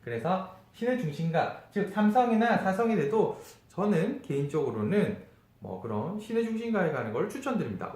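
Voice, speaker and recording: Nasal man with a high-pitched, lively voice. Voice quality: nasal, stuffed-nose voice. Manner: conversational teaching with rhetorical questions. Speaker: travel YouTuber and travel agent explaining tours. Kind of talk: informal explainer to camera. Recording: echoey room.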